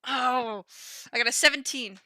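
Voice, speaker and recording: Woman player, chatty, laughs often, very high, bright voice. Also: normal speed, dry recording.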